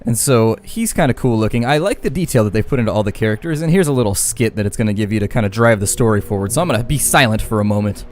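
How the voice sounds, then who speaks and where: Over game music, a man delivers chatty let's-play commentary in folksy, slangy language. His lowish voice moves fast with hardly any pauses, and there's a little hiss or hum on the recording.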